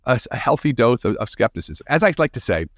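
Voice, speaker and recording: In a studio-quality recording with no room sound, a man with a mid-range, sing-song voice appears as an expert guest on a podcast; he's a scientist who has written books. His explanations are casual and emphatic, broken by halting restarts and frequent tags like "you know" and "right?"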